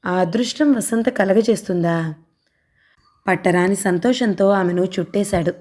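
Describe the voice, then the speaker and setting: A woman reading a romantic audio novel aloud, steady and expressive. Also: mid-range voice, measured pace. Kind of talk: scripted narration.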